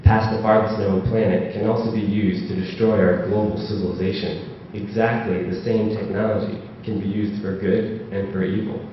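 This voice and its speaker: A man with a fairly low voice and little pitch movement talks at normal speed, barely pausing, as an audience member at a panel event. He's hesitant and full of ums, yet becomes louder and rises when quoting. The large auditorium makes the distant recording echoey and dull, with slight background noise.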